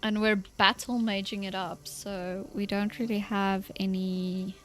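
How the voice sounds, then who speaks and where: A woman's voice: mid-range voice, steady tone, unhurried, faint music behind. A woman streaming a game in casual, chatty commentary, talking to herself, giggling and trailing off mid-thought.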